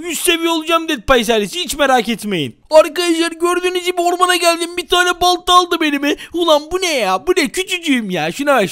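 A man playing a tiny, helpless baby TV-headed creature in a Minecraft roleplay, talking excitably to his viewers and pleading when threatened. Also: very high-pitched. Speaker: gaming YouTuber.

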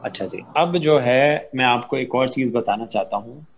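A man's voice: medium pitch, moderate pace, highs cut off, a little hiss or hum. A man teaching an online Arabic and Tajweed class, patiently explaining rules and modelling the sounds.

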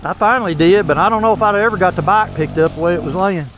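A man with a drawl and a notably high voice chats outdoors on a wooded trail, winded and chuckling as he talks. His speech is loose and rambling. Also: quick pace, a bit bright, slight background noise. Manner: laughing, drawling storyteller. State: out of breath. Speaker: trail rider filming the ride. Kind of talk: casual chat on a trail ride.

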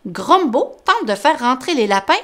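A woman's voice: sits high, big pitch swings, normal speed, fairly bright tone. A woman, a library storyteller reading a children's story aloud and explaining words simply to the children.

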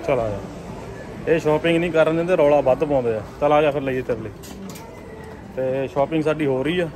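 A man's voice: a little high, a little fast, noisy background. A man vlogging in a busy shopping mall, speaking casually and teasing while he talks to viewers on a handheld phone. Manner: chatty, teasing, addresses viewers. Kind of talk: casual vlog chat. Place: large indoor shopping mall.

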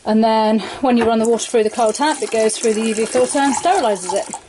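A woman's voice: a little high, quick pace. Chatty woman giving a boat tour. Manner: chatty, relaxed, lots of ums and "bits and bobs". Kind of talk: casual explanation. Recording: handheld camera with clear background noise.

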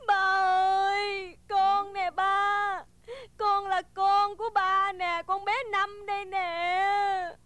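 A weeping, pleading daughter. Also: female voice, very high-pitched, steady tone, fairly bright tone. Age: 20s. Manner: drawn-out pleading cries. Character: young village woman, tearful and pleading.

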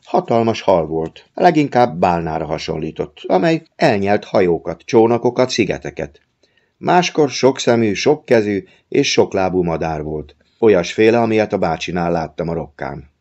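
A man narrates an audiobook in a calm, measured storytelling voice. His pitch is very low. The recording sounds dull and lo-fi.

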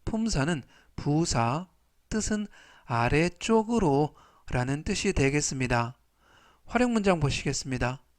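A man teaching English vocabulary in a formal, polite way, repeating each word three times with slow, careful pronunciation. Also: fairly high pitch, sing-song. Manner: polite, formulaic explanations.

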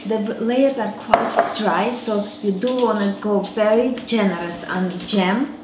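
A woman in her thirties with an Armenian accent hosts a home cooking show from a large kitchen, chatting and teasing her child while she demonstrates a recipe. Her voice is medium-pitched and measured in pace. The recording is very noisy, with dishes and cutlery clattering through the roomy space.

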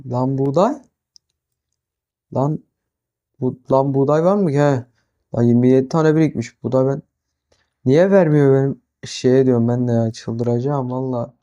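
A young man commenting on his own gameplay in a mellow, dark-toned voice at a middling pitch. He mutters to himself as he works and often bursts into exasperated scolding. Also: moderate pace, clean tone, dull audio. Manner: talks to himself, flares into exasperated yelling at the animals. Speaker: gaming YouTuber. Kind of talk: casual Minecraft let's-play commentary.

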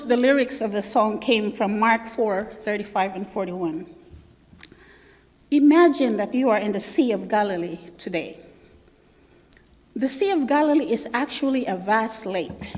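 Woman preaching in a reverberant church. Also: a little high. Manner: animated storyteller, acts out family voices. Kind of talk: sermon with personal storytelling. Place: church sanctuary.

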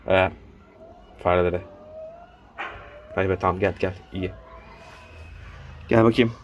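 A young man with a low, darkish voice casually comments on a horror game while playing it, urging the characters on and scolding the enemy. It's let's-play commentary, with slight background noise.

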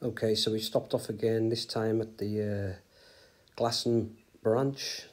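A man's voice: on the low side, fairly even intonation, slow pace. A middle-aged man narrating a bikepacking trip casually, outdoors on a canal towpath, with many fillers. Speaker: bikepacking vlogger. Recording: faint outdoor background noise.

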